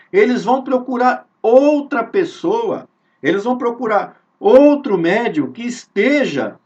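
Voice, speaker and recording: Speaking over a video call, a high-voiced Brazilian man with a Brazilian Portuguese accent guides an informal devotional spiritist study. His manner is earnest and repetitive, full of rhetorical questions and drawn-out emphasis on important words. The sound is distant, dull and lo-fi.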